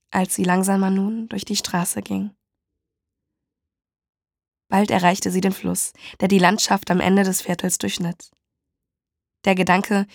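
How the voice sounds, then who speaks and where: Woman narrating a story in a gravelly voice. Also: mid-range voice, no echo, studio quality. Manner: steady, measured reading.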